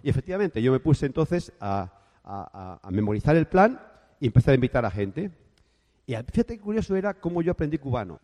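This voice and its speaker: A man telling a business anecdote, animated and acting out the dialogue with sound effects. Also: mid-range voice, a little fast, big-room sound. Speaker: speaker telling his business story. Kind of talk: anecdotal motivational talk.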